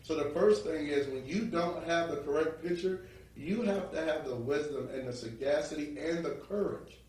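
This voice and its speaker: A man's voice: a little high, moderate pace, a little mellow. Motivational male interview guest, New York accent, emphatic and preacherly, recorded off-mic with heavy room echo. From New Orleans. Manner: preacherly, emphatic, often checks listeners follow with "right?". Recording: very echoey room, distant microphone.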